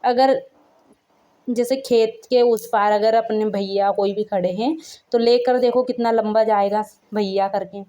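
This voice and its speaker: Speaking in a slightly high, steady, unhurried voice with a dark tone and clipped highs, a woman teaches Hindi grammar in a relaxed classroom manner. She keeps checking the viewer understands, repeating "theek hai na" after every point and posing questions. To demonstrate length, she stretches sounds out.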